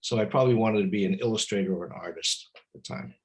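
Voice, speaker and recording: A man's voice: on the low side, fast talker. A man casually introducing himself and reminiscing in an online meeting.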